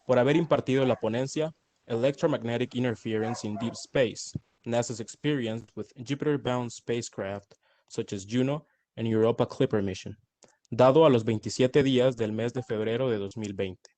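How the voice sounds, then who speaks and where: A man's voice: mid-range voice, normal speed, mellow, no room sound. A man moderating an event, reading aloud in a formal, orderly way.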